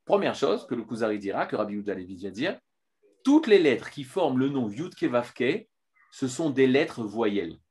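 Guy giving a torah lesson on camera, lively, lots of euh and restarts. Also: mid-range voice, normal speed. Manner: lively, with many restarts and filler sounds. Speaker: Torah teacher.

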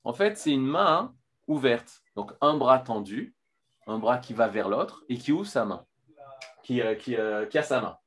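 A man teaching a filmed Torah lesson, lively, with many restarts and fillers. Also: medium pitch, a little slow.

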